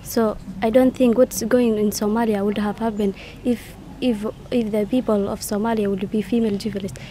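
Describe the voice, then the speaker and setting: A woman answering interview questions in halting, repeating phrases. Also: medium pitch, steady tone, warm tone, a little hiss or hum.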